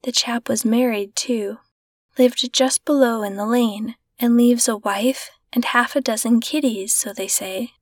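A woman's voice: fairly high pitch, fairly even intonation, a little slow, dry recording, studio quality. A woman reading the lines of a blunt, matter-of-fact middle-aged father in a storybook reading. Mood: sober.

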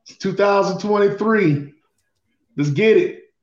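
A man with a fairly high voice chats casually as a co-host. The recording is roomy and a little dull, with lo-fi sound. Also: measured pace, darkish tone. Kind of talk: casual banter.

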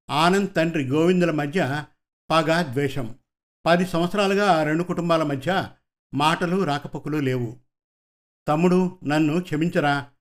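A man reading a story aloud in a steady, measured way. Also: on the high side. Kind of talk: scripted story narration.

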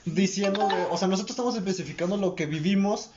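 A man's voice: sits high, fast talker, darkish tone, slight background noise. A young man with a Mexican accent chatting casually with friends in a slangy, jokey way, acting out dialogue as he tells stories. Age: young adult. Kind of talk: casual banter and storytelling with friends. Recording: dull lo-fi audio.

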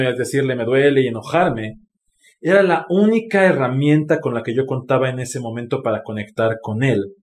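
A man with a Mexican Spanish accent telling a personal story candidly, with swearing and lots of expression. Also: medium pitch. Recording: roomy echo.

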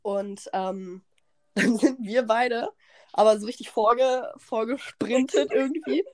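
A young woman hosting a podcast, telling a party story in slangy, animated casual chat and acting out what people said. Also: on the high side, slow pace. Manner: animated, slangy, acts out quotes, laughs often. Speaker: podcast host.

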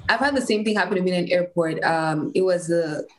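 A woman's voice: lowish voice, quick pace, slight background noise. A woman from Uganda, a guest on a casual podcast, telling a story in a wry way.

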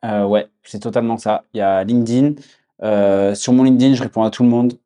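A young man with a southwest French accent, chatting casually as a podcast guest, relaxed, with many fillers and restarts. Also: fairly low pitch, a little fast. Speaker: podcast guest, agency founder. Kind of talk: casual conversation.

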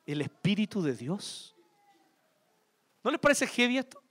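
A man preaching a sermon in a Chilean Spanish accent, shifting between loud emphasis and hushed, tender passages. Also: sits high, very animated, unhurried. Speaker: pastor.

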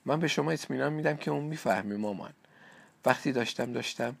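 A man reading a storybook aloud, voicing a timid, gentle young girl with a slightly raised voice. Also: medium pitch, creaky, breathy edge, no echo. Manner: hesitant, soft-spoken.

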